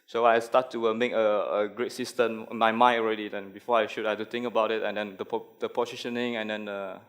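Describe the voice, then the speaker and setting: A man's voice: lowish voice, little pitch movement, quick pace, a bit bright. A young Malaysian man, a graphic designer, giving a conference talk with many fillers and restarts.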